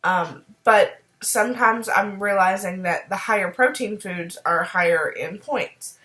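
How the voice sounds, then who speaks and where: A woman chatting upbeat in a casual video diary, fighting off a cold and clearing her throat now and then, with frequent ums. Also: medium pitch, measured pace, pushed and bright. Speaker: video diarist. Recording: roomy echo.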